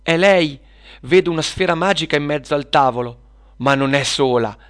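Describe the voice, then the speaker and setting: A man voicing an excited young superhero girl calling out what she sees. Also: on the high side, moderate pace, smooth, pitched above the performer's own voice, natural voice. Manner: excited, shouting.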